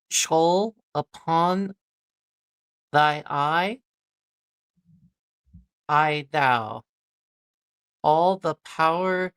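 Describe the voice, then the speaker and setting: Puck, a woman reading a low, slow fairy. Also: a bit bright, clean tone, dry recording, studio quality, full character voice. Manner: halting, stumbling over the verse. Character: mischievous male fairy servant, sly sprite. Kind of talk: amateur live-stream Shakespeare reading.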